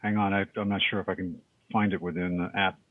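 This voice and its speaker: A deep-voiced man comes through a thin, phone-like call line. His voice is husky and dry, with no room around it. He chats in a loose, rambling way and corrects himself as he goes. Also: level tone, fast, no echo. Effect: heard over a tinny internet call. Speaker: call-in guest. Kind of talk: casual chat. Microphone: headset on a video-call app. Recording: tinny phone-like call audio.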